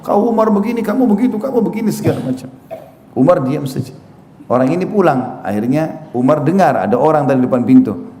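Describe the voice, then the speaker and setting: A man giving a religious lecture on a microphone, moving from recited scripture into joking, lively stories with quoted voices. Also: on the high side. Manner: humorous, animated storytelling with quoted voices. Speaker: preacher. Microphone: handheld or stand mic. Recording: echoey hall with faint noise.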